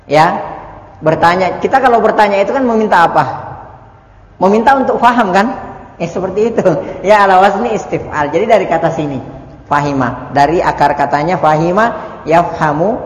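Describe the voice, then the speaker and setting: A man teaching an Arabic lesson in a religious study class, patient and chatty, laughing often and acting out little dialogues. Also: sits high. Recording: echoey room recording.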